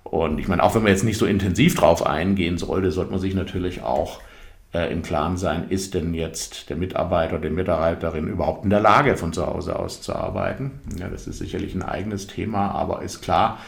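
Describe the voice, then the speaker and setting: A man's voice: low-pitched, steady tone, brisk, gravelly. A man talking through a casual explanatory monologue as a podcast host, conversational, with many fillers. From Germany. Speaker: podcast host and software consultant. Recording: echoey room.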